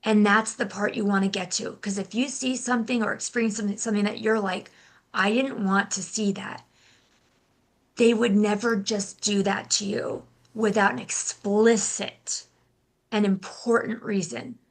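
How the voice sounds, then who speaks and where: A young adult woman speaking as a guest in a casual interview, often restarting her sentences and filling pauses with "like". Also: medium pitch, fairly even intonation. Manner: halting, restarts, many "like" fillers. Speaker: guest, intuitive healer and life coach.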